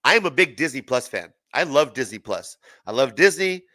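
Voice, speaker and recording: Speaking at a moderate pace with big pitch swings, this mid-range male voice has a sharp tone and no echo. He's a sports watch-party streamer in his forties, congested from a cold, giving casual, profane live commentary while chatting and cracking himself up.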